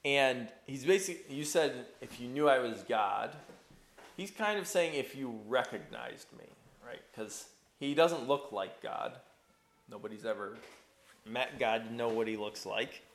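A man's voice: mid-range voice, measured pace, a bit bright, echoey room. A man leading a Bible study class in a conversational way, asking the class questions.

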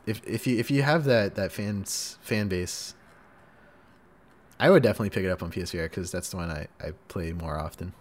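A deep-voiced man hosts a casual gaming podcast at a brisk pace. He's upbeat and chatty, reading segments, riffing with his co-host and singing little jingles.

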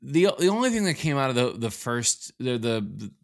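A man chats as co-host of a podcast, swearing freely and stumbling over restarts as he talks. His voice sits at a middling pitch. The sound is dry and close, with no room in it. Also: no echo. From Massachusetts. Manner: swearing, quick restarts, animated. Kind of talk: casual chat.

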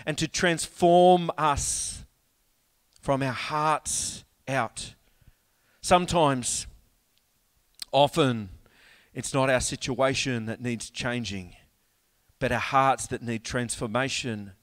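Slow, deliberate man preaching in a reverberant hall. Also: mid-range voice. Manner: slow, deliberate delivery with long pauses; swells louder for emphasis then drops quiet. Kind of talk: sermon.

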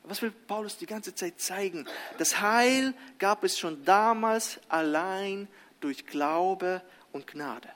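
A man preaching a sermon, reading scripture and then explaining it in an animated way, often restarting his sentences and asking the congregation "Amen?". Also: sits high, slow.

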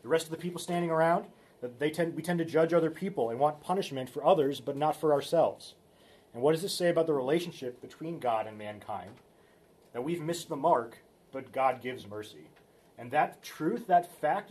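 A man's voice: fairly high pitch, darkish tone. A man teaching a Bible study in a loose, conversational way, with frequent fillers and restarts. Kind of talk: casual teaching talk.

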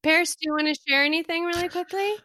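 A woman's voice: very high voice, fairly even intonation, racing, bright, forceful tone. A woman hosting a podcast in a casual, chatty style. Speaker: podcast host. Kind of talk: casual chat.

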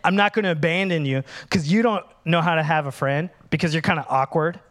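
A Minnesota pastor preaches a candid, humorous sermon in a fairly high-pitched voice at a fairly quick pace. He is animated and acts out dialogues as he goes.

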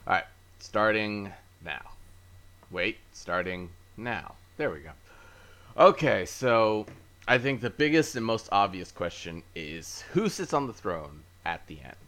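A man with a very low voice and a bright, forceful tone hosts a casual podcast chat. He rambles through a recap, pausing on fillers and correcting himself as he goes. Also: very animated. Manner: easygoing, self-correcting. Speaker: podcast host.

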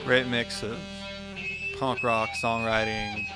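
A man's voice: medium pitch, little pitch movement, takes it slowly, over loud music. A man co-hosting a casual podcast, talking loosely with plenty of fillers. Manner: loose, rambling, lots of fillers. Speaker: podcast co-host.

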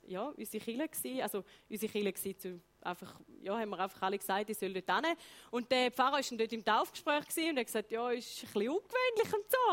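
A woman with a Swiss German accent shares her life story as a sermon. Her voice sits a little high, and her telling is chatty and casual, full of everyday phrasing. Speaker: speaker giving a testimony sermon. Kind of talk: personal testimony sermon.

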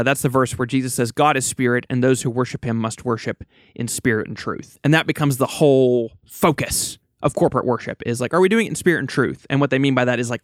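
A man's voice: mid-range voice, dry recording, clean studio sound. A man co-hosting a podcast in a casual, chatty way, often laughing between thoughts. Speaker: podcast co-host.

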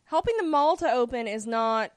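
A woman with a Southern US accent co-hosting a casual podcast, chatty and quick to swear. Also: fairly high pitch, animated, no echo. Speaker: podcast co-host.

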